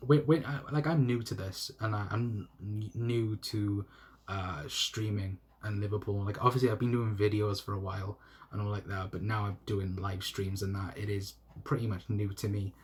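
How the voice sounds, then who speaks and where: A young man from South Wales chats casually on a football live stream from his phone, reading comments and rambling with lots of restarts and laughs. His voice is fairly low, husky and a little mellow, with fairly even intonation. It's picked up on a phone mic.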